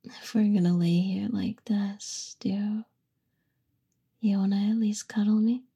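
A woman's voice: medium pitch, steady tone, takes it slowly, gravelly, dark tone, husky. A young woman whispering an affectionate, soothing ASMR roleplay. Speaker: ASMR performer.

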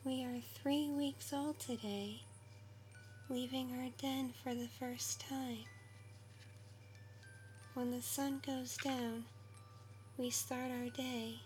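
A doting mother fox, whispered by a woman, murmurs to her kits in a hushed bedtime storybook voice. Her words come very slowly and stay level in tone, higher-set and feathery, with faint music drifting behind her. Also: fairly even intonation. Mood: storytelling. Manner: soft whispering, soothing and affectionate. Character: doting mother fox, female, adult, tender and protective. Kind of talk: ASMR roleplay, bedtime storytelling.

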